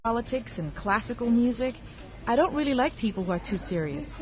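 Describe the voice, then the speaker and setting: A dialogue actor plays a woman talking over her dating life in a scripted listening dialogue, keeping the everyday chat friendly, conversational and expressive. Her voice is on the high side, brisk and natural, and the lo-fi audio sounds dull.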